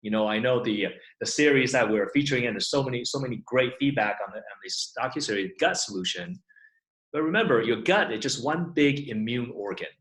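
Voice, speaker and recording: A man's voice: medium pitch, brisk, fairly bright tone. Middle-aged guy from taiwan, chiropractor chatting casually, lots of "you know", echoey room. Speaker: guest chiropractor. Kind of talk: online Q&A interview.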